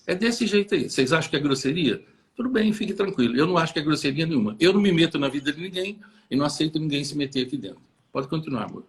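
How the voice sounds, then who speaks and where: A man's voice: fairly high pitch, animated, fast. Blunt Brazilian man giving firm advice. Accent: Brazilian Portuguese. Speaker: co-host giving parenting tips. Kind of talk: casual chat to camera.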